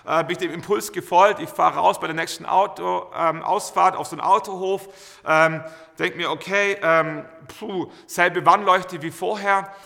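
Preacher guy, kinda high voice, gravelly edge, rambling stories, echoey hall. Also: normal speed. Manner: lively anecdotal storytelling with many fillers. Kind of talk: storytelling sermon. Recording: reverberant hall.

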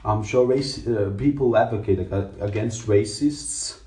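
A podcast host with a warm, lowish voice speaks at a measured pace on a casual, crude comedy show, keeping things irreverent and tongue-in-cheek. He's recording from a bathtub in a small bathroom, so his voice echoes.

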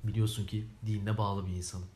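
A man's voice: fairly low pitch, flat delivery, fairly quick, darkish tone. A young man co-hosting a podcast, chatting casually and teasing, with frequent apologetic asides. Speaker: podcast co-host. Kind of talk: casual comedic chat. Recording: roomy with faint background noise.

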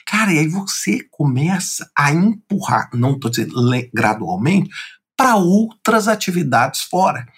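A man, telling stories as an interview guest in an animated way with lots of filler words. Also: on the high side, unhurried, breathy edge. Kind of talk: casual interview storytelling.

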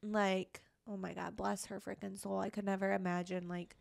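Chatty young woman with a gravelly voice. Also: medium pitch, little pitch movement, moderate pace. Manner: chatty, lots of "like" fillers, swears casually. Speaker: podcast co-host. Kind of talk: casual chat. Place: podcast studio.

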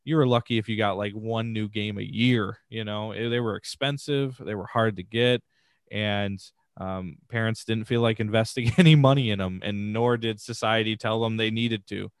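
Man, podcast guest, low-pitched, earnest, rambling, dry close sound. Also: steady tone, normal speed, smooth, no room sound. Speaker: podcast guest, family streamer. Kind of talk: casual conversational interview.

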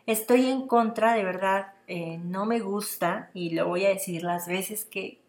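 A woman's voice: medium pitch, measured pace, darkish tone. Woman, podcast host; earnest, direct-address parenting advice with repeated phrasing. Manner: earnest, speaks straight to the listener, repeats phrases for emphasis. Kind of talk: casual advice monologue.

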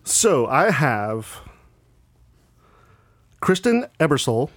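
A man's voice: mid-range voice, very animated, slow pace, a bit bright, no echo. Casual man hosting a podcast, dry sound. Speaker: podcast host.

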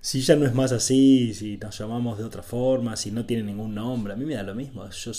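A man from Argentina with an Argentine accent leads an informal spiritual talk as a teacher, repeating phrases and dropping in short rhetorical check-ins to teach. His medium-pitched voice is mellow and steady at a normal speed.

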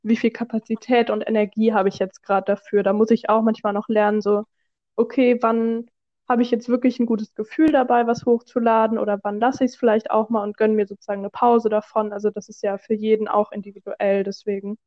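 A woman's voice: fairly high pitch, level tone, brisk, dry recording. A woman joins a podcast as a guest over a glitchy call connection with dropouts. She chats casually and easily, laughing along with the host. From Germany. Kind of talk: casual chat. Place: at home in a storm. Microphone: own microphone over a remote call. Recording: dull, dry lo-fi call line.

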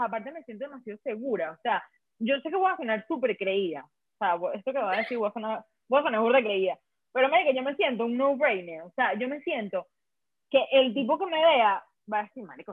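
A woman's voice: on the high side, expressive, fairly quick, no room sound. A Venezuelan woman co-hosting a casual chat, slangy and self-assured, laughing often. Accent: Venezuelan Spanish. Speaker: podcast co-host. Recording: tinny phone-like dry sound.

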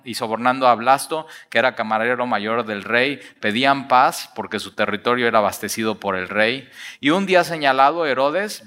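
A man's voice: medium pitch, sharp tone, big-room sound. A man preaching an expository sermon, laughing often, using casual slang and acting out the people in the story.

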